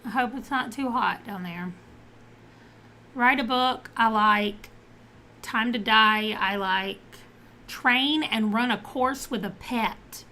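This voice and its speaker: A woman hosting a casual live game stream, talking through her choices as she goes. Her voice sits a little on the high side. She drifts between reading options aloud and chatting with her viewers, with a faint hum of noise behind her. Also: slow pace, pushed and bright.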